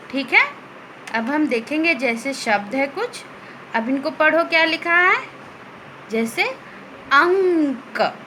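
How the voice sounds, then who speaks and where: A woman teacher giving a grammar lesson to young children, asking questions and answering them herself, drawing out each example word slowly. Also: high voice, pushed and bright, slight background noise. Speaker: school teacher.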